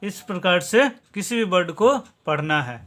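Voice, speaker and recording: A man teaching a spoken lesson, slowly spelling out words letter by letter, repeating each point and ending phrases with a checking "theek hai". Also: high-pitched, lively intonation, fairly bright tone. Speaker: English teacher. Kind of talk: classroom-style spoken lesson.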